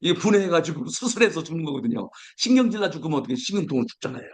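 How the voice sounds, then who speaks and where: A male pastor preaching a sermon, acting out everyday complaints with a raised voice and slowing down to recite scripture. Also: a little high, very animated.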